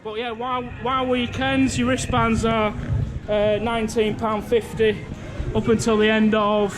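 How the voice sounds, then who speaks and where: A man's voice: sits high, level tone, normal speed, noisy background. A man of about forty, chatting in a rambling, casual walk-and-talk vlog outdoors. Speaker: theme park vlogger. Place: outdoors in a windy amusement park. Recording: outdoor amusement park with loud music.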